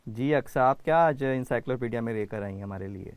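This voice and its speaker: A man's voice: mid-range voice, clean tone, no echo. A man hosting a children's education program, patiently calling on kids by name to answer quiz questions.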